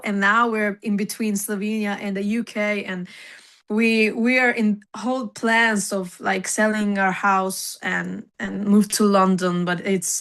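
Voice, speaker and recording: A woman's voice: mid-range voice, a bit bright. Chatty young woman from Serbia. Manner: chatty, laughs often, many fillers. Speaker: singer, interview guest. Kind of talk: casual interview chat.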